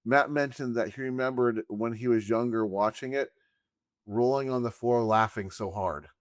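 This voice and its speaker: A man's voice: mid-range voice, normal speed, dry recording. Rambling man in casual podcast chat, dry sound. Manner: rambling, quotes scenes in put-on voices. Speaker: podcast co-host. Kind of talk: casual movie review chat.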